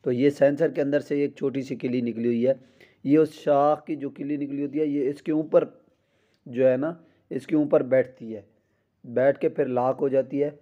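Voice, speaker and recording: A man's voice: medium pitch, fairly even intonation, normal speed, dark tone, highs cut off. A man working as a car mechanic, walking through a repair step by step with small restarts, recorded on a phone in a garage. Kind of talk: hands-on repair tutorial.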